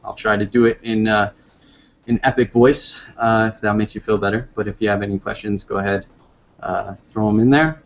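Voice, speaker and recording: Low-voiced man hosting a casual web show. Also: steady tone, brisk, muffled recording. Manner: rambling, upbeat, filler-heavy. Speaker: host. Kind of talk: casual live web discussion.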